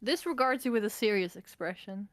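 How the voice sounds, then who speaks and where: A woman's voice: medium pitch, fairly quick, no room sound. A young woman streamer playing a story game with a friend, reading the game text aloud and laughing a lot. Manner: giggly, animated.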